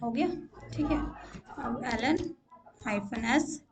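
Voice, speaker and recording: Young woman instructor, high voice, patient step-by-step screen-share teaching with frequent check-ins, faint noise. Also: slow, creaky. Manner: repeats "ठीक है" to check in, asks questions aloud. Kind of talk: screen-share coding tutorial.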